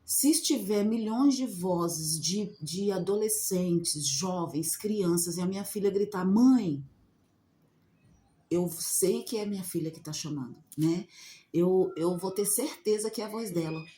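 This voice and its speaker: A woman's voice: lowish voice, a little slow, dark tone. A woman giving an informal Bible teaching, talking conversationally and asking many rhetorical questions. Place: outdoors in the sun.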